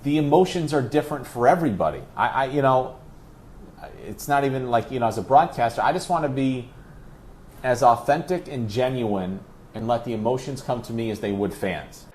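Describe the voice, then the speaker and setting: A play-by-play announcer appears as an interview guest, talking conversationally and at length and pressing his points through emphatic repetition. His mid-range voice is expressive and brisk, with a darkish tone.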